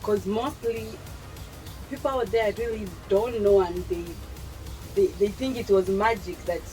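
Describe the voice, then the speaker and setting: A woman with a Kenyan accent hosts a relaxed interview, her voice in an ordinary middle register. She asks questions in an easy, encouraging way. Soft music plays quietly in the background. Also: medium pitch, a little slow, low-quality recording. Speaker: interviewer, channel host. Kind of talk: casual interview chat.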